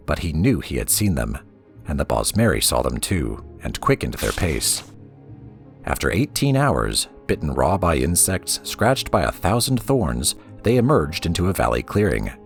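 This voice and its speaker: A male game storyteller reads lore books aloud in a low, bottom-register voice edged with vocal fry, his intonation animated.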